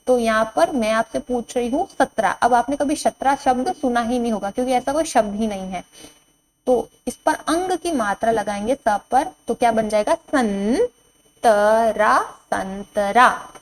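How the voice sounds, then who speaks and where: A woman teacher gives a board lesson to young children, reading each word slowly and repeating it, then asking questions and answering them herself. Her voice is a little high, and the poor audio carries a little hiss or hum.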